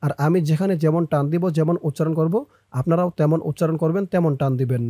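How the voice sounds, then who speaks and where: A man with a Bangladeshi Bengali accent teaching a prayer by slow recitation, spelling out each Arabic letter and vowel mark and drawing out the chanted words. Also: on the high side, mellow, no echo, studio quality. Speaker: Islamic teacher.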